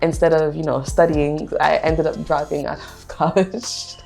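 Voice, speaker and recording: A woman's voice: deep voice, little pitch movement, measured pace, creaky. Young woman chatting with faint music. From Pennsylvania, United States. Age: young adult. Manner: chatty, laughs often, fillers like um and you know. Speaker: guest. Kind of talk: casual interview chat.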